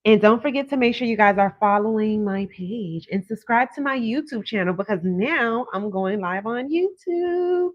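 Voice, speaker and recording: A woman's voice: on the high side, expressive, normal speed, few pauses, no echo. Woman, live-stream psychic host, chatty and casual, stretches words for emphasis. Dull, close, dry phone sound. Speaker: psychic tarot reader hosting a live call-in. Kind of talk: casual live-stream chat and card reading. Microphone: phone propped on a desk.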